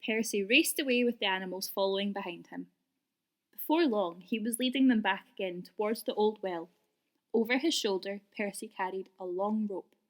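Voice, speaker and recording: Expressive and unhurried in her deliberateness, a woman reads a children's story out loud at a medium pitch.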